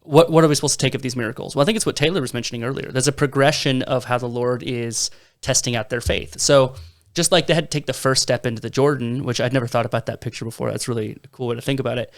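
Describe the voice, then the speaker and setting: A man's voice: medium pitch, fairly even intonation, quick pace. A young man in his twenties co-hosting a casual Bible discussion podcast, telling the story eagerly with some fillers. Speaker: podcast co-host.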